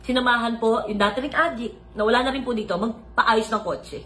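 High-voiced woman telling a confessional story. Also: a little fast, a bit bright, slight background noise. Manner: earnest, retelling events in mixed Tagalog and English. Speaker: vlogger.

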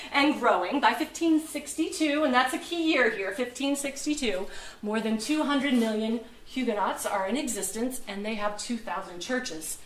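A woman's voice: on the high side, a bit bright. Chatty woman docent in an echoey room. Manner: chatty, laughs at herself, loses words. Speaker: museum docent. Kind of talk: informal history talk. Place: museum lecture room. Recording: echoey room, mic far off.

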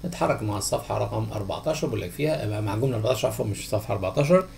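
Gravelly Egyptian man teaching English. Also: lowish voice, animated, darkish tone, a little hiss or hum. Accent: Egyptian Arabic. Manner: questions the class, then answers himself in a drawn-out voice. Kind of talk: textbook answer walkthrough.

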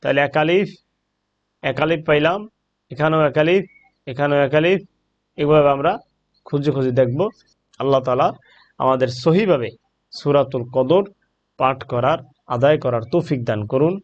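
Bangladeshi guy teaching quran recitation, bit high voiced, drags out the arabic slow, muffled lo-fi audio. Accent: Bangladeshi Bengali. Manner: slow, drawn-out chanting of Arabic verses between explanations; patient, repeats points to the viewers. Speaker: Islamic teacher.

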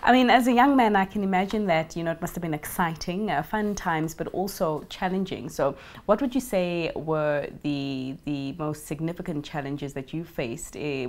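A woman's voice: low-pitched, normal speed. A woman in her thirties hosting a television business interview, asking upbeat, probing questions in an office. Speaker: TV business show host. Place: office with window blinds. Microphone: lapel mic.

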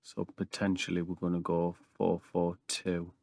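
This gaming YouTuber, a man in his thirties, records relaxed commentary in a small brick-walled attic room. He sounds low-pitched, creaky and darkish, with a completely flat delivery at normal speed and no room sound.

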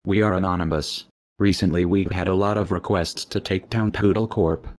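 A man speaking through a disguised deep voice, reading a cold, measured scripted statement as an anonymous spokesman. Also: fairly even intonation, a little mellow, dry recording.

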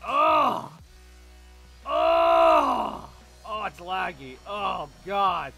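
Brief: a man playing a loud, cocky fighter, high gravelly voice with wide swings, unhurried trash talk. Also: sing-song, soft background music, heavily acted. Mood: mocking. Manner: loud, insulting, frequently shouting. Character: brash arrogant male fighter, trash-talking rival. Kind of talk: comedic role-play over gameplay.

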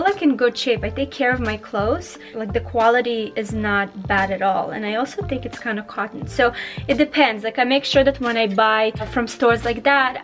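A woman in her twenties talks casually to camera at home, her voice sitting a little high. She thinks out loud and pads her sentences with fillers. Music plays clearly under her voice. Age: 20s. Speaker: vlogger.

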